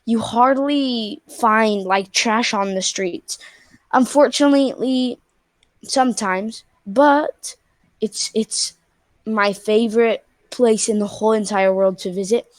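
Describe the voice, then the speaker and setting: This stranger on a video chat, a Spanish girl around twelve, talks casually in a fairly high woman's voice, taking it slowly. The recording is dry, and her speech is packed with "like" and restarts.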